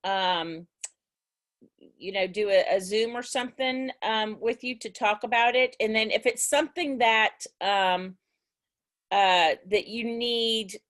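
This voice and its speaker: A woman's voice: a little high, slow, fairly bright tone. A woman teacher talking to her class over a video call in a casual, rambling way, with many restarts. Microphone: video call mic.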